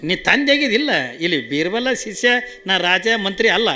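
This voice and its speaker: A man's voice: sits high, lively intonation, normal speed, sharp tone, full character voice. A man voicing a court minister who pretends to be a crying, demanding child. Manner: stubborn, whining, demanding. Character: grown minister acting as a crying boy.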